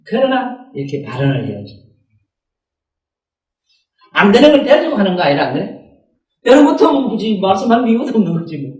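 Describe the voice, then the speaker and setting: A man with a high voice and wildly swooping pitch speaks briskly, leaving long pauses. He is a Buddhist dharma teacher with a Gyeongsang Korean accent, delivering a folksy, rhetorical sermon in a dharma hall and often prodding listeners with "eh?" questions. The recording is echoey, with a distant mic.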